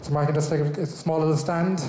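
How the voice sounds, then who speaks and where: An Irish man in his thirties, head of technology, opens a tech meetup as host with a welcome speech, talking loosely into a handheld mic with many fillers and restarts. His voice is on the high side, mellow and fairly even, at a quick pace, in an echoey large event room with a small stage and slight background noise.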